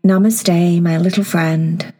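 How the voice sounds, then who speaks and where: A woman guiding a children's meditation as a podcast host, speaking in a soft, soothing, breathy manner. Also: on the low side, fairly even intonation, slow pace. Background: new-age music.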